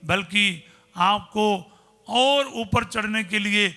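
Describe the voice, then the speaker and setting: High bright-voiced priest preaching. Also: male voice, slow pace, creaky. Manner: storytelling preacher, simple conversational Hindi, exclaims hallelujah. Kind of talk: sermon with personal stories.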